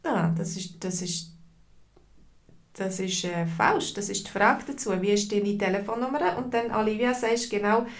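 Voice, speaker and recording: A woman's voice: medium pitch, normal speed. A woman with a Swiss German accent teaching a live online lesson, patiently repeating phrases and greeting viewers in the chat. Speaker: language teacher.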